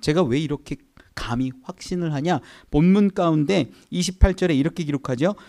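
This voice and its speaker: A male pastor preaching a sermon in a church. He keeps asking the congregation questions and swings between loud outbursts and hushed near-whispers. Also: fairly high pitch, fairly quick. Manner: animated, asks the congregation rhetorical questions. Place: church sanctuary.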